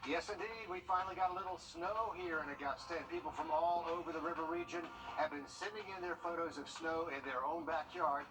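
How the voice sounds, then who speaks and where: A man's voice: fairly high pitch, steady tone, a little fast, recorded from a distance, over music, rough recording. A man anchoring local television news with conversational delivery.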